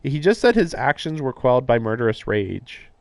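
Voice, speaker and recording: On a live game stream, a man with a medium-pitched, very animated voice reads narration aloud at normal speed, breaking off for casual, puzzled, questioning asides. Game music plays behind him, and the recording is dry.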